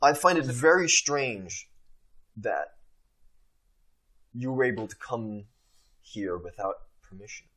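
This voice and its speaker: A man's voice: mid-range voice, expressive, slow, long pauses, bright, forceful tone, poor audio. A man playing a tabletop game, speaking in character in wordy, rather formal phrasing amid casual chat.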